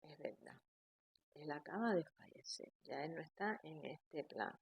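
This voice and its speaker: A woman quoting her spiritual aunt in a quiet, certain tone in her own voice. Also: low-pitched, unhurried, vocal fry, slightly rough, no room sound, lo-fi sound, heavily acted. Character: spiritual elderly aunt, calm and sure.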